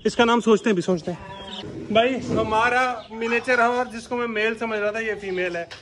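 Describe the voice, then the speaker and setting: A man hosting a casual pet vlog, excited and laughing as he talks to a new animal. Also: very high-pitched, normal speed, background noise. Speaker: vlog host.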